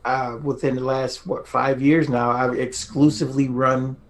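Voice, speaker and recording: A middle-aged man co-hosts a podcast in a casual, enthusiastic group chat, talking effusively and repeating phrases for emphasis. His voice is medium-pitched and level, with a measured pace.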